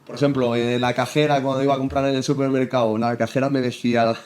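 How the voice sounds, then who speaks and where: A young Spanish man with a Spain Spanish accent, a football analyst chatting in an interview, halting with many restarts. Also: mid-range voice, flat delivery, a little mellow, slight background noise. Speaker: football analyst and coach, guest. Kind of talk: casual interview chat.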